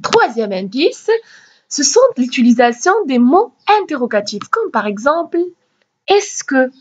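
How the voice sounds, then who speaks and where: A woman teacher giving a grammar lesson, explaining slowly and carefully and acting out questions with rising intonation. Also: sits high, big pitch swings, husky. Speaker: French teacher. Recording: dull, lo-fi recording.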